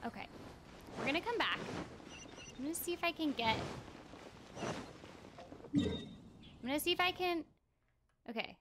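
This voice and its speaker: A young woman streaming a game chats casually and playfully with the characters and her viewers. Her voice is high-pitched with lively intonation at a normal speed, she pauses often, and the background is noisy with game music.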